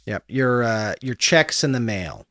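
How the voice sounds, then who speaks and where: A man narrating as game master of a tabletop role-playing game, lively and loose. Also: medium pitch, measured pace, a little hiss or hum. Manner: animated, voices side characters loosely. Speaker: dungeon master.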